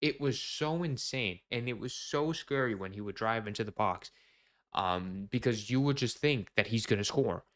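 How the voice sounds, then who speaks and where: Young male podcast host, lowish voice, eager and rambling, full of ums and restarts. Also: normal speed. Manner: rambling with many fillers and restarts; enthusiastic fan talk. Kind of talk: casual post-match soccer commentary.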